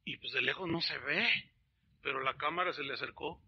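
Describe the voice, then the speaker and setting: A man preaching a sermon as a pastor, telling stories in an animated way and calling his listeners brothers. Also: medium pitch, fairly quick, husky, lo-fi sound.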